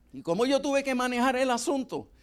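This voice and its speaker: A man's voice: very high-pitched, clear, resonant tone. A middle-aged man preaching a sermon, acting out dialogues with God and his wife.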